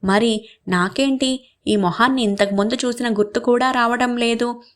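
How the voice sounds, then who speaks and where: A woman's voice: fairly high pitch, fairly even intonation, fairly quick, fairly bright tone. A woman telling a short story, narrating it aloud and acting out the family members' lines in quotes.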